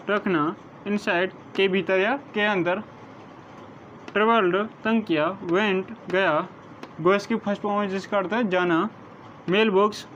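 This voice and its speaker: High-voiced man dictating word meanings slowly. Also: fairly bright tone. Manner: slow, measured dictation, spelling words letter by letter. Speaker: teacher. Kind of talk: vocabulary lesson, reading word meanings. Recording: dull lo-fi sound with faint noise.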